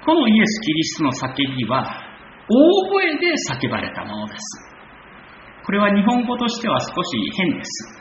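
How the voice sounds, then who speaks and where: A man preaches in measured phrases that rise for emphasis. His voice is bright and slightly high, with lively pitch. The recording is roomy and a little dull, with faint noise behind. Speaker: pastor. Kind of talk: sermon.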